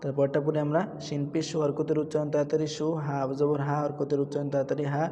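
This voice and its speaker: A male Quran reading teacher spells out each letter and vowel mark, then chants the whole word slowly and repeats it. His voice is mellow and sits a little high for a man. The recording has a long reverb tail and a faint hiss of background noise. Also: completely flat delivery. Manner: patient, repetitive, spells letters then chants words in a raised drawn-out voice. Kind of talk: spelling out and drilling Quran recitation.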